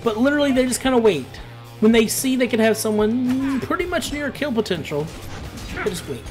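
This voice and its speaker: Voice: mid-range voice, lively intonation, brisk, music in the background. A gameplay commentator talking casually over a match, rambling and ranting with plenty of filler words. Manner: rambling, ranty, laid-back with filler words.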